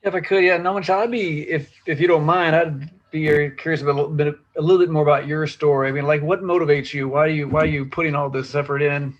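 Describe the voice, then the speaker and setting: A man's voice: fairly high pitch, fairly even intonation, fast talker, hardly any pauses. A man moderating a forum, politely and tentatively asking the guest a question. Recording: muffled, from a distance.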